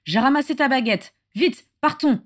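A woman's voice: high voice, moderate pace, voice pushed up, natural voice. A woman reading a story aloud, voicing a middle-aged wizard father who urgently calls his son to hurry.

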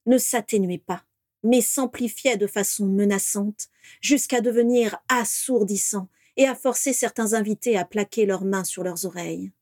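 Woman reading a fantasy story, steady and expressive, medium voice, dead dry room. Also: medium pitch, dry recording. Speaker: audiobook narrator. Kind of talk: scripted narration.

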